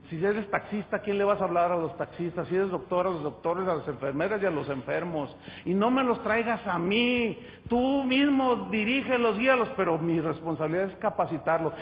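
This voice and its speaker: A man preaching as pastor, telling a story and calling his listeners "brother" over and over. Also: high voice. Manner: storytelling, addresses listeners as "hermano". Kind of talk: sermon testimony. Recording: muffled, echoey hall.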